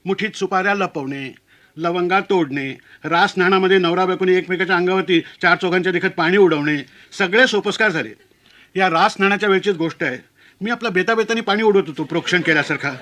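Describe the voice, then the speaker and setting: A man's voice: high-pitched, a little fast, bright, forceful tone. A man telling a comic story of his own wedding in a wry, self-mocking way.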